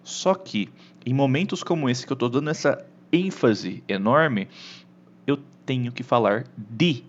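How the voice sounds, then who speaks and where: Speaking at a medium pitch, a Brazilian Portuguese-accented man runs an online English class with lots of energy. He keeps checking in with whoever is listening, and the audio sounds muffled.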